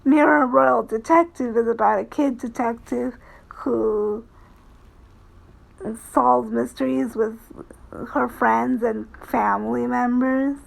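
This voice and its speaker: A woman giving casual, rambling commentary as a streamer, in a halting, hesitant way with phrases that trail off. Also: a little high, steady tone, vocal fry, rough recording. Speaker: VTuber streamer.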